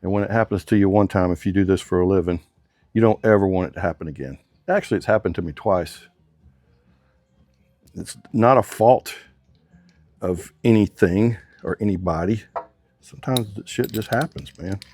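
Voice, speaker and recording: A man's voice: sits low, normal speed, pauses often, a little mellow, no room sound. A man working as a motorcycle mechanic who talks through a hands-on workshop demonstration in casual, drawling shop talk with slang.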